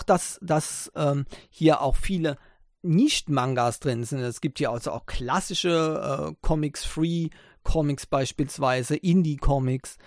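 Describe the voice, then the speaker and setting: A man's voice: medium pitch, no echo, studio quality. A man hosting a tech podcast, talking casually with many fillers and sarcastic asides. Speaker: podcast host.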